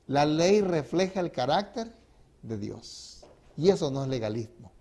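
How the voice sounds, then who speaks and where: A pastor preaches in a fairly high voice to his congregation. He swings between emphatic, rising phrases and quieter drops, and he keeps asking the room rhetorical questions. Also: big pitch swings, a little slow. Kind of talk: sermon. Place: church sanctuary.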